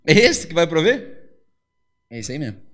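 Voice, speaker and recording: A man's voice: fairly high pitch, very animated, normal speed, fairly bright tone. A male pastor preaching a casual, slangy sermon, telling stories and repeating catchphrases. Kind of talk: casual sermon with acted-out dialogue.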